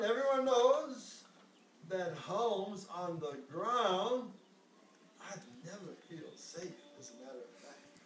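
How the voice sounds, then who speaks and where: A man voicing a stubborn old male caterpillar in a slow, expressive storybook reading for children. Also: high-pitched. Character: old grumbling caterpillar, set in his ways, male. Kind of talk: storybook read aloud to children. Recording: echoey room, distant mic, faint noise.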